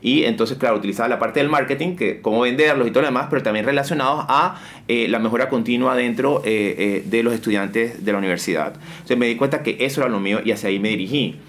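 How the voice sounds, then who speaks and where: A man, a business coach talking in a casual interview, energetic and emphatic, deliberately varying his intonation. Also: mid-range voice.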